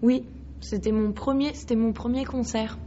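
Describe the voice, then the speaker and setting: A woman's voice: on the high side, fairly even intonation, normal speed, mellow, a little hiss or hum. Hesitant young Frenchwoman singer, slightly lo-fi. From Paris, France. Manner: hesitant, searching for words. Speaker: singer guest. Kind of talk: radio interview.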